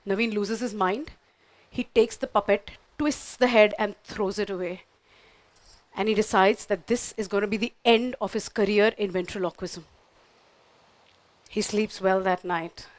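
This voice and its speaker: A woman's voice: mid-range voice, fairly even intonation, a little slow. A woman performing a playful story for a festival audience, acting out the characters with sudden shifts in voice. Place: festival stage before an audience.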